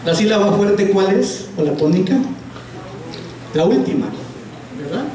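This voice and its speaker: A man's voice: sits high, lively intonation, measured pace, mellow. A man teaching a classroom grammar lesson, patiently asking the class questions and repeating their answers. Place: classroom in a house of prayer. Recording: very echoey room, voice from a distance, faint hiss.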